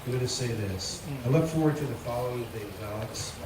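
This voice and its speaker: Middle-aged dad telling jokey stories in a wedding toast, boomy hall, mic kinda far off, lots of noise. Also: male voice, a little fast. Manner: folksy, joking storyteller. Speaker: father of the bride giving a toast. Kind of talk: wedding speech with storytelling. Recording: echoey hall, distant mic, loud noise.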